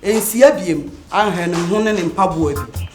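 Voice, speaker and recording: A woman's voice: fairly low pitch, normal speed, a little mellow, faint music behind, lightly acted. A woman plays a fed-up Ghanaian girlfriend who barks orders at her man. Her voice rings in an echoey room. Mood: angry. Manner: angry, commanding. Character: fed-up woman throwing out her jobless boyfriend. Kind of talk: Twi film acting.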